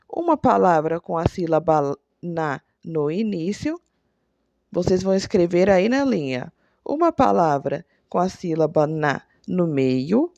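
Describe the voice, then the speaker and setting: A woman teacher walks young pupils through textbook exercises at a very slow, patient pace, giving examples for each step. Her voice is warm and gravelly, and the recording is dry and dull. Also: lowish voice, no room sound. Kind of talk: remote school lesson, reading textbook exercises. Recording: dull lo-fi sound.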